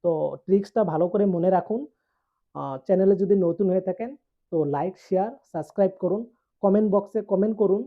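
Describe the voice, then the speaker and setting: A man's voice: high voice, fast talker, long pauses. Man drilling pronunciation over tinny audio. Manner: repetitive call-and-answer drilling of words. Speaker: English teacher. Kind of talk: YouTube pronunciation lesson.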